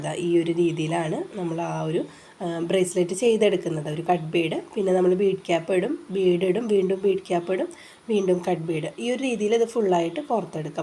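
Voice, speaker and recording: A woman's voice: lowish voice, warm tone. A woman hosting a casual craft tutorial, explaining each step patiently and chattily with frequent filler sounds, her voice stuffy and congested from a cold. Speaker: craft channel host. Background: rain outside.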